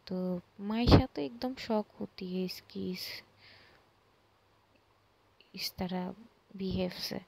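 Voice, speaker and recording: A woman's voice: extremely slow, vocal fry, long pauses, a little mellow. A woman casually retelling a romance episode by episode, acting out the characters' quoted lines. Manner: retells a love story, acting out quoted lines with rising pitch. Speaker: storyteller. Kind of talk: casual storytelling narration with quoted dialogue.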